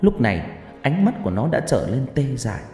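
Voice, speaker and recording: A man's voice: mid-range voice, very animated, brisk, mellow. A man narrating a horror story with a dramatic delivery, in an echoey recording with faint music.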